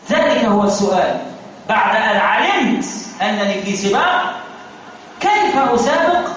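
High-voiced Egyptian preacher in a booming hall. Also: male voice. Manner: rhetorical repeated questions, mixing formal and colloquial Arabic. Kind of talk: sermon. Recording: very echoey, distant mic, faint noise.

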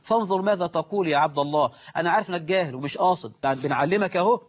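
A man preaching with an Egyptian accent and a fairly high voice, moving between brisk explanation, mimicry of worshippers, and stern scolding. The recording sounds dull and lo-fi. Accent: Egyptian Arabic. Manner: lively, mimics worshippers, scolds, slows to recite quotations. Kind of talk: religious lesson on prayer.

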